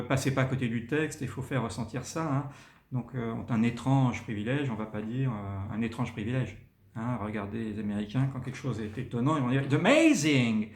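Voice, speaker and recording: A man's voice: a little mellow, roomy sound. A man teaching how to read a text aloud, showing each intonation choice with big rises and falls and checking in with his listeners. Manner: demonstrates readings with big rises and falls in pitch; many fillers and checks with listeners. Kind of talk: explaining text intonation to learners.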